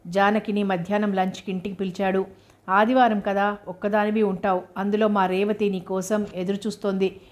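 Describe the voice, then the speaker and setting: A woman's voice: medium pitch, flat delivery, normal speed, lightly acted. A woman reading the part of a middle-aged man who insistently invites a guest and brushes off refusals.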